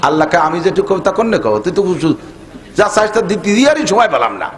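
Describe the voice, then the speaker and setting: A man's voice: sits high, sing-song, fast, a bit bright. Emphatic preacher man, echoing sound. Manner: emphatic, keeps asking the crowd to agree. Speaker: Islamic preacher. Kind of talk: Bengali waz sermon. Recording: echoey public-address sound.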